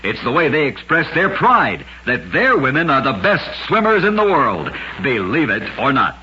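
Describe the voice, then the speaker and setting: On a noisy, band-limited vintage radio recording with the highs cut off, a man with a mid-range voice tells short stories of oddities. He's very animated and moves at a moderate pace, his scripted delivery dramatic and emphatic as befits a radio host.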